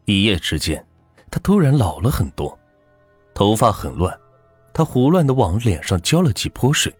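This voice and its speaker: Man narrating a ghost story, husky, lowish voice, lively pitch, dry close mic. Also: moderate pace, dry recording, faint music behind. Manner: dramatic, tense storytelling.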